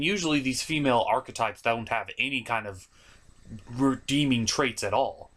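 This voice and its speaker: A man hosts a comedic review show, narrating his script with medium pitch in an animated, theatrical, exaggerated style full of mock exasperation.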